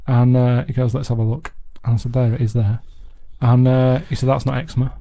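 A man telling a rambling story in a deadpan, casual chat. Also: medium pitch, brisk. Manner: deadpan, rambling anecdote with repeated "I said". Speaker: podcast regular telling a story.

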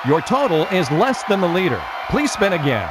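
Animated, high-voiced game show host. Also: male voice, normal speed, very noisy. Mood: upbeat, showy. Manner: exclamatory, showy. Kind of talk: scripted game show hosting. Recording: loud music and studio crowd behind.

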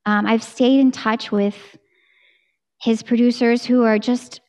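A woman's voice: a little high, level tone, measured pace, a little mellow. An American woman singer in her thirties, chatting enthusiastically in a video-call interview from a room at home on a studio mic. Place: home room with curtain backdrop. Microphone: studio mic on a boom arm.

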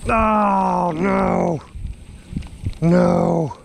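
A man's voice: high-pitched, fairly even intonation, extremely slow, vocal fry. A young man with a Kentucky accent, talking to himself and his viewers while fishing from a pond bank, recorded on a head-mounted camera. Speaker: fishing vlogger. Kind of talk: casual running commentary. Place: outdoors at a grassy pond bank. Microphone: head-mounted action camera. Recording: outdoor wind noise.

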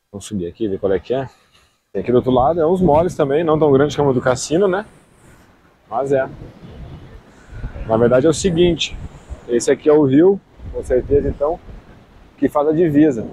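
Speaking into an action camera held at arm's length, this travel vlogger in his thirties, southern Brazilian by accent, keeps things casual and full of slang on an open stretch of beach and dunes. His mid-range voice sounds mellow and husky, though the recording itself is rough.

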